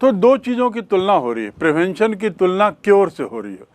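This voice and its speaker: A man's voice: high-pitched, sing-song, darkish tone, no room sound. A man with an Indian English accent teaching a grammar lesson, asking questions and answering them himself. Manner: explains slowly, asks and answers his own questions.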